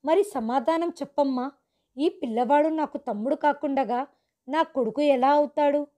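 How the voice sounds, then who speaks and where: A harsh, demanding young man who confronts his mother with loud, forceful questions, read by a woman narrator. The voice sits high, with a dark, mellow tone. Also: moderate pace, close to an everyday voice. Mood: angry.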